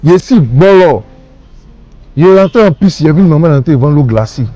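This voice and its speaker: Ivorian man, high-pitched, coaxing, filmed on a phone on a street at night. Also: animated, fast, warm tone, dry recording, rough recording. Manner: coaxing, repetitive, full of "hein". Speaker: man filming a street act of charity.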